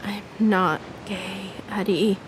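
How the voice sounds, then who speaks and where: A woman's voice: high voice, lively intonation, measured pace, background noise. A woman acting a bitter, bewildered young estranged friend in an audio drama. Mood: bitter, defensive.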